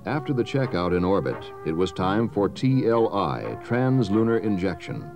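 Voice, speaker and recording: A man giving measured, solemn scripted narration for a documentary. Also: sits low, sing-song, creaky. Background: music.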